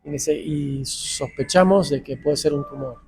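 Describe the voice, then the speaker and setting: A man's voice: on the high side, moderate pace, a little mellow, slightly rough. An Argentine man, a father, retelling a tense hospital story in a personal interview and acting out the dialogue. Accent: Argentine Spanish. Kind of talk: emotional personal account.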